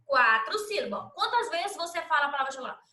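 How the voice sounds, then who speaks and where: Female primary teacher from Brazil, high bright voice, patient sing-song delivery, recorded in a roomy space. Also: sing-song. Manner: patient, slow and sing-song, spelling out letters and syllables. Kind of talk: recorded remote lesson for children.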